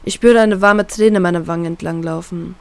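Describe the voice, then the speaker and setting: A woman narrating a first-person fan-fiction story in a calm, even storytelling way. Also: lowish voice, normal speed, clean tone, no room sound. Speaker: reader, narrator.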